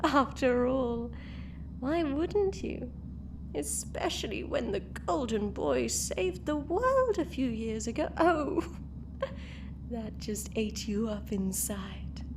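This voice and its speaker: A woman acts out a fan audio drama role as a mocking, cruel time-travelling villain, theatrically taunting her captives in sing-song fashion. Her voice sits high and creaky, slow but with lively intonation, heavily acted, with background noise present.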